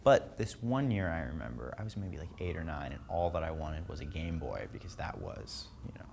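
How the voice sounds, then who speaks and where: A young man talking casually in an interview, chatty and animated, sometimes mimicking voices. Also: very deep voice, brisk, gravelly, noisy background.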